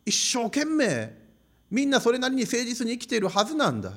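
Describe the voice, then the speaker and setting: A man's voice: extremely high pitch, wildly swooping pitch, fairly quick, creaky, fairly bright tone. A man preaching a sermon as pastor, emphatic and repeating phrases for stress.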